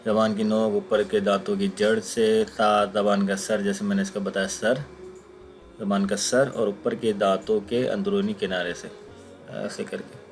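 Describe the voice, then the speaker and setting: A man teaching Quran recitation in a recorded online lesson, explaining each letter sound slowly and patiently and repeating it aloud. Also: on the low side, little pitch movement, a little hiss or hum.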